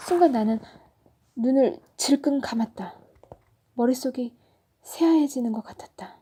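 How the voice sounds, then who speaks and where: A woman storyteller reading a children's story aloud in a soft, often whispery narration. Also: sits high, normal speed, husky.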